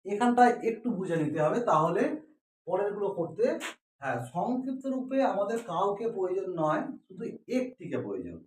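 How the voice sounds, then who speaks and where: A man's voice: high voice, very animated, brisk. A man teaching a grammar lesson, asking questions and then answering them himself. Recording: echoey room, mic far off.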